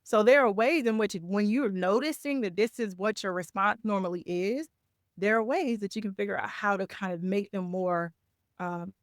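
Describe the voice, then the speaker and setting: A woman's voice: medium pitch, moderate pace, no echo, studio quality. A woman, a trauma recovery coach, giving advice in an interview in a conversational way, often checking in with "right?".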